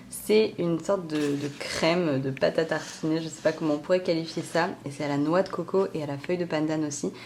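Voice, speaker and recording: Lower-voiced woman food vlogger. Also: darkish tone, a little hiss or hum. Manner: enthusiastic, gushing about food. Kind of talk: casual vlog narration.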